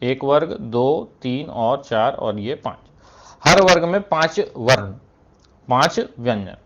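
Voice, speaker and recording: In lo-fi sound, a man with an animated mid-range voice teaches Hindi slowly, step by step, asking questions he then answers. He fills gaps with "thik hai" between phrases and clears his throat from time to time.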